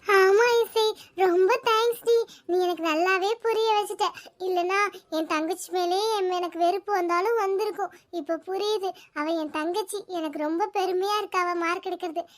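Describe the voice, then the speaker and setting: A woman's voice: extremely high pitch, steady tone, normal speed. A woman voicing a sulky schoolgirl, an older sister who feels overlooked and complains in a mopey way. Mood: reconciled. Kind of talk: cartoon voice acting.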